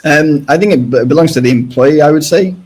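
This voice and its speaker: A man's voice: a little high, a little mellow, slightly rough, low-quality recording. A man speaking as a guest on a webinar, talking casually with a lot of restarts, fillers and hedges. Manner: halting, full of restarts and fillers.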